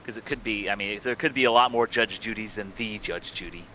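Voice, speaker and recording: A man's voice: fairly low pitch, fairly quick, bright, forceful tone, low-quality recording. A man chatting casually as a co-streamer on a game livestream. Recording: clear background noise and clicks.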